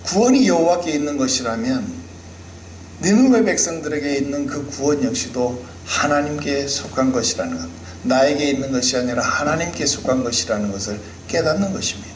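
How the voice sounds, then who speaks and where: A man's voice: fairly high pitch, expressive, a little fast, reverberant, slight background noise, rough recording. A male pastor preaching a sermon with emphasis, often putting rhetorical questions to the congregation.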